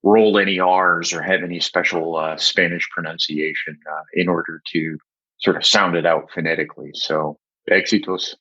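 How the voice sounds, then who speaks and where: Low husky older man, measured. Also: fairly even intonation, sharp tone. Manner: measured, with frequent "uh" fillers. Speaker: guest, software agency founder. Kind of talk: podcast interview answers. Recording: dull lo-fi audio.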